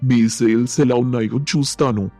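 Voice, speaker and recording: A man's voice: mid-range voice, steady tone, normal speed, dark tone, faint music behind, natural voice. A man voicing a teasing family man. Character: practical middle-aged father-in-law and teasing husbands. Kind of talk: animated storybook voice acting.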